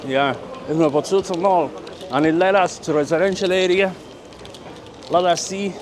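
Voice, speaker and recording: A Birmingham man with a high voice chats casually as a travel vlogger while out and about in a city, narrating at a moderate pace. He sounds hesitant and often repeats himself. Busy street noise and cafe chatter fill the background, along with a faint hiss or hum.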